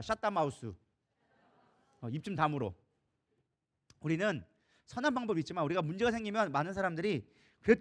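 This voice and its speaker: A middle-aged man preaching a sermon as co-senior pastor in a church, questioning the congregation and acting out quoted voices. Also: high-pitched. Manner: animated, acts out God and parents in quoted voices, asks the congregation questions. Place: church sanctuary.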